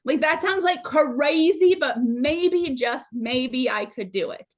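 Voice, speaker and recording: In a relaxed interview, a Minnesota woman in her late thirties, appearing as a guest runner, tells her running story with bubbly, self-mocking humor. She speaks slowly and expressively in a high voice, with a little hiss or hum present.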